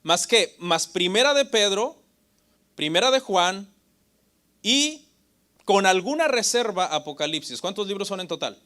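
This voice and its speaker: Bright-voiced pastor teaching a Bible class. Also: male voice, sits high, lively intonation, unhurried, long pauses. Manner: asks the audience questions and answers them himself; often adds "hermano" and "ok?".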